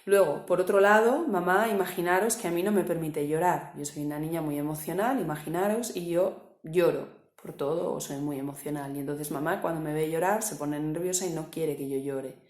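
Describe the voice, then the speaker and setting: A woman coach, calmly explaining a topic with examples and often checking with the listener. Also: sits low, fairly quick, hardly any pauses, reverberant. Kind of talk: explanatory talk to camera.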